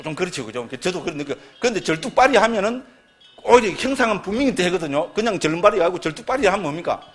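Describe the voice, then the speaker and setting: A middle-aged man giving a casual lecture on Buddhist scripture, constantly checking in with his listeners for agreement. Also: high voice. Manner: chatty, keeps asking listeners for agreement.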